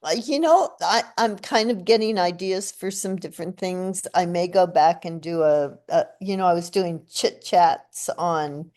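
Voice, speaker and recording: A woman's voice: lowish voice, a little slow, few pauses, a little mellow. An older woman giving an interview in an informal, chatty way. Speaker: interview guest. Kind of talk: casual chat.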